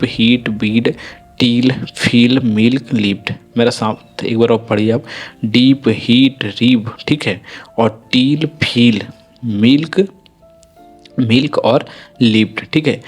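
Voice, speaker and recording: A man's voice: medium pitch, a little mellow. Man teaching phonics step by step. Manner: repetitive, explains step by step with frequent "ठीक है". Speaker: English teacher. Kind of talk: Hindi-medium phonics lesson.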